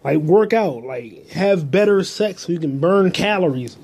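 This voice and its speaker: Brief: male podcast host, mellow husky tone, crude rambling talk into a handheld phone. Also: high-pitched, animated, a little slow. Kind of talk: casual solo monologue. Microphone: phone held in hand.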